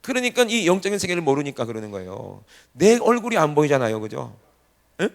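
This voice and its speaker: A man preaching a revival sermon with a lively, swooping delivery that climbs high. His voice is gravelly, and it carries a long echo through a church sanctuary. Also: a little fast. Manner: animated, shouting exclamations, rhetorical questions to congregation. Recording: reverberant church hall.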